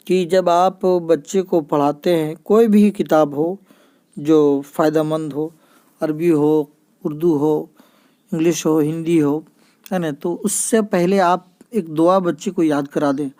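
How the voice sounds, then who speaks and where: A man's voice: fairly high pitch, fairly even intonation, takes it slowly, dark tone. A man teaching children's reading in a patient explanatory style, often checking in with listeners. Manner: patient, repeats points with "ठीक है ना". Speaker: teacher of Arabic letters for children.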